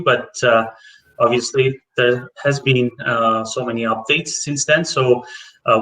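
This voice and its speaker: A man's voice: mid-range voice, fairly bright tone. A man hosting a live webinar as program manager, friendly and hesitant, with many fillers. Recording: roomy distant webinar audio.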